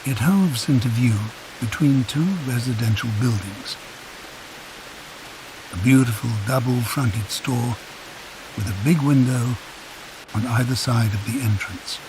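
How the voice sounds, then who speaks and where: A man narrating a guided sleep meditation in a soft, calm, unhurried storytelling voice. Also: mid-range voice. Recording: hissy recording with rain sounds behind. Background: rain.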